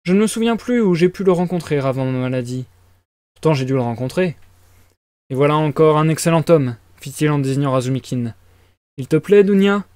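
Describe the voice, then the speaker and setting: A man's voice: fairly high pitch, animated, fairly quick, darkish tone, no room sound, natural voice. A man reading aloud and voicing a feverish, irritable young student who speaks in abrupt, agitated bursts. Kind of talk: audiobook reading.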